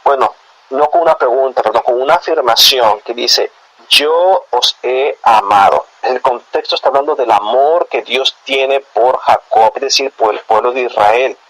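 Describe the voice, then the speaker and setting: A man preaching a sermon as pastor, explaining scripture to his congregation in a lively, animated way. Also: medium pitch, normal speed, dry recording, low-quality recording. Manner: animated preaching, addresses listeners as brothers. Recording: radio broadcast.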